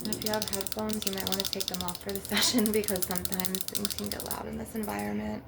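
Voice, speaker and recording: An ASMR channel host delivers a rambling, casual spiritual monologue to her viewers, her medium-pitched voice flat, fast and full of vocal fry, with constant "like" and "you know." Loud background noise runs throughout, with crystal and glass tapping and clicks.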